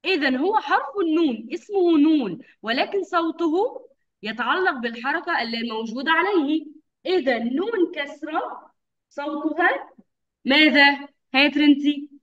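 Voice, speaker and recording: High, lively woman teaching small children. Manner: patient, drawn-out enunciation with frequent praise. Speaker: kindergarten teacher. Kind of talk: online phonics lesson for young children. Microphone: video call. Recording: dull lo-fi video call audio.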